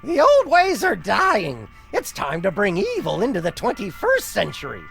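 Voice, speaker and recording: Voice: medium pitch, wildly swooping pitch, moderate pace, gravelly, a bit bright, heavily acted. An actor playing a whiny, petulant, grandiose young prince of hell in a video game, melodramatic in delivery. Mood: pompous, businesslike. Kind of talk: video game character acting. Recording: music behind the voice.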